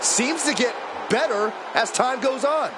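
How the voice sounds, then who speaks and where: A man giving color commentary at a wrestling show, excitable and exclamatory, with a loud arena around him. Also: very high-pitched, measured pace. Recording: loud arena crowd and noise.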